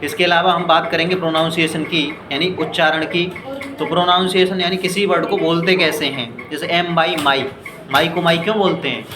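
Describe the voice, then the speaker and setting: A man's voice: on the high side, steady tone. Indian man teaching English in an echoey room. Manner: explains slowly, asks "clear?" and "ठीक है" often; reads English examples very slowly and deliberately. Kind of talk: spoken English lesson in Hindi. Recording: echoey room with noisy background.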